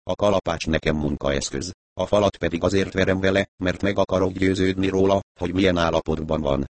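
A man voicing a gruff middle-aged handyman who is curt and dryly sarcastic. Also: low voice, steady tone, dry recording, lightly acted.

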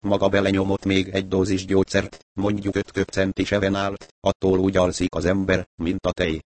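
A man playing a calm, shrewd middle-aged detective who reasons patiently with a mildly mocking edge. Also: low voice, lightly acted. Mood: calm reasoning.

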